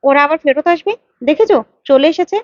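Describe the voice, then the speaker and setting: A woman's voice: high-pitched, brisk, no room sound, natural voice. A woman voicing a young man in hiding who hurriedly insists he must leave, on a dull lo-fi recording. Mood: urgent.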